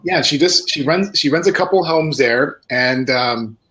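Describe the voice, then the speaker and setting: A man being interviewed as a guest, talking casually and often pausing to search for words. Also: medium pitch, sharp tone, slight background noise. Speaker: guest entrepreneur.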